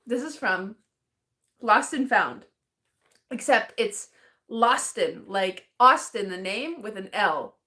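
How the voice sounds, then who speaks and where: A woman's voice: mid-range voice, lively intonation, slow pace, bright, forceful tone. A woman chatting casually on a live stream as she opens fan mail, rambling and hesitant with many restarts and small laughs.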